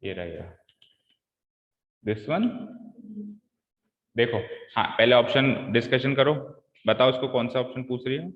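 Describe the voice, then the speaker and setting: A man's voice: mid-range voice, animated, measured pace, long pauses. Patient male maths teacher, echoey lo-fi. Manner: quizzes students, calls them "beta" and "bhai". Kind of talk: live online maths class. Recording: echoey room, dull lo-fi sound.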